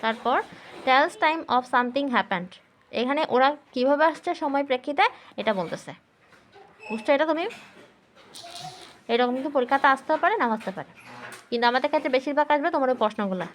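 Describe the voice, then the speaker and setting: A woman teacher gives a grammar lesson. She spells words out letter by letter, asks questions and answers them herself, and reads English sentences slowly before explaining them. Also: sits high, lively intonation, a little hiss or hum.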